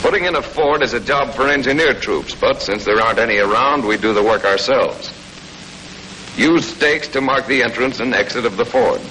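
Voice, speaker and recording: Heard through the noise of an old 1940s film soundtrack, a mid-range American male voice speaks at normal speed with bright force. His scripted teaching is straightforward yet folksy, in the manner of a military training film narrator of that time.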